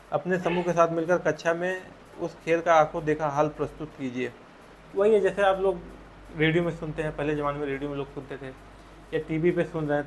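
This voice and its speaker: Male Hindi teacher, slightly high voice. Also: slight background noise. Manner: patient, leading questions to students. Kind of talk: explaining a textbook chapter.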